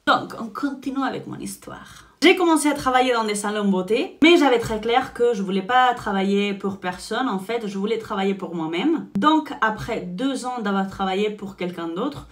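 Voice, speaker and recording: A woman's voice: medium pitch, lively intonation, moderate pace, hardly any pauses. A young woman with a Spanish-influenced French accent, chatting casually through a makeup tutorial and dropping "en fait" often. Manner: chatty, frequent "en fait" fillers. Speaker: beauty vlogger.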